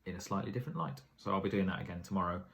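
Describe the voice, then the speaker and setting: A man's voice: sits low, expressive, very fast, creaky, fairly bright tone, slight background noise. A tired man giving a casual vlog update on his property investing, rambling with plenty of fillers and self-corrections. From England.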